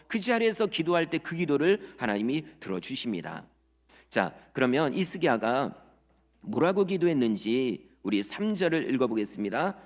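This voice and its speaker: A male pastor giving a Sunday sermon, acting out prayers and quoted speech with animated swings in his voice. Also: mid-range voice. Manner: lively preaching, acts out prayers and quotes in voices. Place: church sanctuary. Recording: long church reverb.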